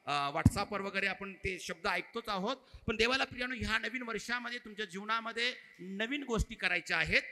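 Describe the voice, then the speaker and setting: Man, pastor, sermon, bright ringing voice, long hall reverb. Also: sits high, normal speed, hardly any pauses. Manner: calls on congregation to repeat aloud.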